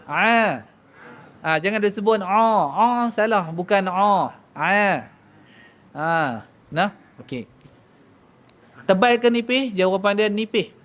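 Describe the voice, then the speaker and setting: A man speaking teaches Quran recitation to a mosque class in a fairly high voice. He repeats each letter sound and then sets the wrong version against the right one. His delivery is that of a patient drill. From Malaysia. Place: mosque hall.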